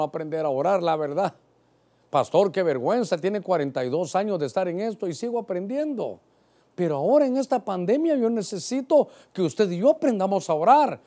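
A man's voice: sits high, warm tone. A man in his sixties, a pastor preaching a sermon with passion who keeps calling his listeners brother.

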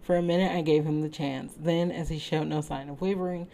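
A woman reading a story aloud in a casual way, steady and measured, now and then breaking off to comment. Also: sits low, gravelly, slight background noise, poor audio. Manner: reads steadily, breaks off to laugh and make asides. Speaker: reader.

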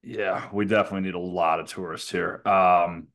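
A man's voice: low voice, fairly even intonation, moderate pace, creaky, fairly bright tone. A man co-hosting a comedy podcast, goofy and laughing often, trying on silly voices for bits. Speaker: podcast co-host. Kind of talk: casual comedic banter.

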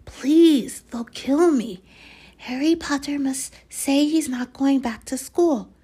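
A woman voicing an anxious, pleading male house-elf with a high, squeaky voice. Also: moderate pace, lightly acted. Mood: desperate. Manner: high, pleading, speaks of himself by name.

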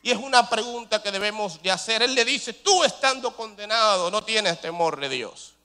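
A male pastor preaching a sermon, asking rhetorical questions and swinging between loud rises and soft drops. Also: sits high, animated, normal speed. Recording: long hall reverb.

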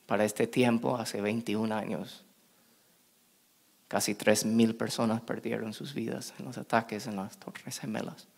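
A middle-aged man preaching a sermon in an animated way, acting out quoted voices with big jumps in pitch. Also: unhurried, gravelly. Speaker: pastor.

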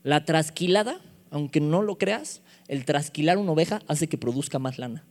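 A man preaches a sermon in a fairly high voice. He keeps it playful, firing off rhetorical questions. The sound carries a long reverb, as in a large hall. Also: expressive, moderate pace.

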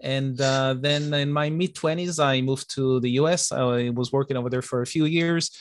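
Middle-aged male guest from Israel, dry close sound, steady thoughtful answers. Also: mid-range voice, moderate pace, no echo. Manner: steady, thoughtful, with frequent uh fillers. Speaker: guest author. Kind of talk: interview answers.

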